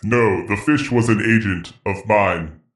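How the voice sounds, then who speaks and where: An unearthly, echoing celestial bear spirit acted out by a man for a tabletop game. The voice is lowish and slow, stately and formal, with a solemn, apologetic courtesy. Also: natural voice. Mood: solemn, benevolent. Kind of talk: tabletop role-play. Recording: echoing, reverberant voice.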